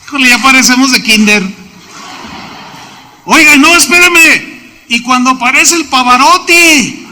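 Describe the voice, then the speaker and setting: A man with a Mexican accent preaching a sermon, telling stories with lively exclamations and acted-out claps in a church auditorium. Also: extremely high pitch, unhurried, long pauses. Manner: animated storytelling, acts out exclamations and claps. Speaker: pastor. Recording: large reverberant church hall.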